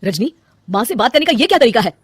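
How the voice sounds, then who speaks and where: A woman's voice: a little high, sing-song, quick pace, slightly rough, dry recording. A woman voicing a patient, loving young husband who talks in a coaxing, pleading way.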